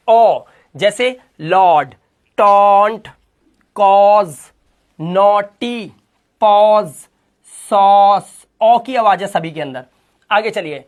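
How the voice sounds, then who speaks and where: A teacher from India giving a phonics lesson in Hindi, slowly spelling out vowel sounds and repeating example words. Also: mid-range voice. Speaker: English teacher.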